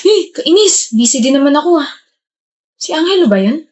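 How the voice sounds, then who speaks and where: Excitable high-pitched woman in a skit. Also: normal speed. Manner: playful and excitable, with sudden shouts. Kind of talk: scripted comedy skit dialogue.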